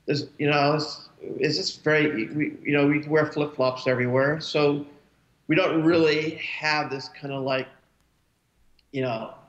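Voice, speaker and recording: A cartoonist in his forties joins as a guest over a webcam call from a room at home, talking casually and rambling with lots of restarts and fillers. His voice is a little high and a bit bright, fairly even in intonation and a little slow, and the video-call audio sounds roomy and dull.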